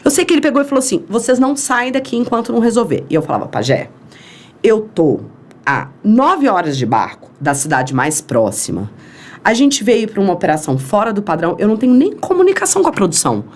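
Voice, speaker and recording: Telling a lengthy story during a podcast interview, this Brazilian woman speaks quickly in a mid-range voice. She's animated, voicing the people she quotes.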